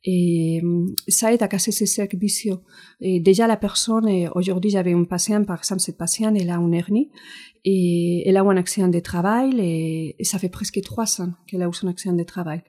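A woman's voice: lowish voice, fairly even intonation, brisk, warm tone. A woman with a Spanish accent, a physiotherapist explaining her work in an interview with frequent fillers and restarts. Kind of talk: interview answers.

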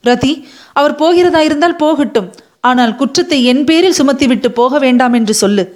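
Brief: woman reader doing a high, fiery young dancer, hurt and indignant, for a storybook audio drama. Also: moderate pace, close to an everyday voice. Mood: wounded, indignant. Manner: tearful, indignant, speaking through a third party. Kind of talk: audiobook character voice.

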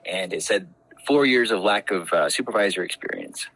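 A man from the Navajo Nation, a former prosecutor, telling his story as an interview guest in an animated way and acting out what others said. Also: on the low side, brisk, rough recording. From Navajo Nation, United States. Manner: animated, acts out quoted dialogue. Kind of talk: conversational storytelling.

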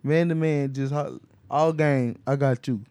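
A man's voice: medium pitch, steady tone, a little slow, mellow, dry recording. A man in a casual football debate, slangy and emphatic, repeating short blunt verdicts.

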